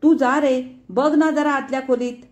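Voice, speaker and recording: A woman voicing a mild middle-aged husband who speaks softly to calm his wife. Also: high voice, unhurried, pitched above the performer's own voice. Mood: soothing. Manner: soft, conciliatory.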